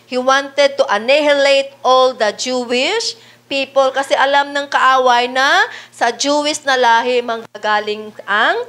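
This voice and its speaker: A woman with a high voice preaching a sermon to her congregation. She keeps turning to the listeners with rhetorical questions and switches into English when she reads the Bible verses aloud. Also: fairly bright tone.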